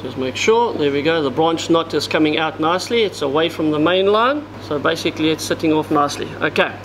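A man's voice: a little high, animated, a little fast, a bit bright, slight background noise, poor audio. A man, giving a step-by-step fishing knot tutorial at a table in a tackle shop, talking as he works with his hands. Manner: step-by-step, talks while working with his hands.

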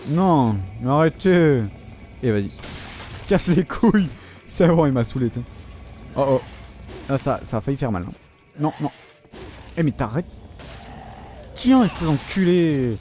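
A young man giving joking, foul-mouthed commentary while playing a video game, often shouting at enemies. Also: a little high, animated, measured pace, long pauses, faint music behind. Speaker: gaming video host. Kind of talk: casual let's-play commentary.

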